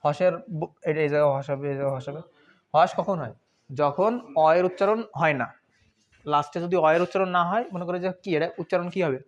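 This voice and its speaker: A man's voice: fairly high pitch, fast, lo-fi sound. A young man teaching an online grammar lesson in a chatty, informal way, asking questions and answering them himself.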